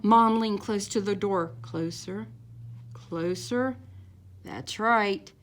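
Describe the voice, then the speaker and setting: Reading aloud from a picture book for little kids, this woman speaks at a medium pitch. She hams it up storytime-style, drawing out words and adding sound effects.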